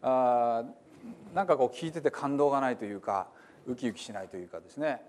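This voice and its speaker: A man's voice: medium pitch, brisk, darkish tone. A middle-aged male pastor from Hiroshima with a Hiroshima accent, giving a chatty, self-deprecating sermon introduction with frequent fillers. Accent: Hiroshima Japanese. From Hiroshima, Japan.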